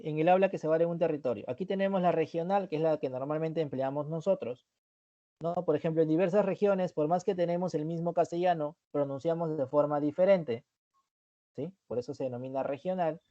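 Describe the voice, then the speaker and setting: A man gives a review lesson with a mellow, warm voice pitched a little high. He explains patiently, repeats each key term and keeps checking that the students follow. The sound is dull and lo-fi, like an online class. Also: a little fast. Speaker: teacher.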